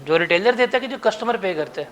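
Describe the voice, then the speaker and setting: A male teacher runs his classroom in a high, bright-pitched voice. He teases and coaxes his students, quizzing them on the lesson and calling them up to the board. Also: lively intonation, fast. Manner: teasing, coaxing students to the board.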